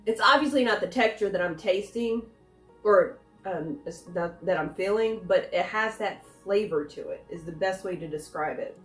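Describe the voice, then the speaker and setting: A woman's voice: mid-range voice, moderate pace. Woman reviewing snacks in an echoey room. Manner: rambling, thinking aloud between tastes. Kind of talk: casual chat, food taste test. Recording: roomy echo, faint music.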